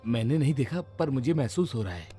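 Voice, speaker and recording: A man's voice: medium pitch, expressive, fairly quick, mellow, lightly acted. An actor dubbing an anxious, insistent young man who is spooked at night. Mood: uneasy. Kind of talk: Hindi film dub acting. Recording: music playing under the voice.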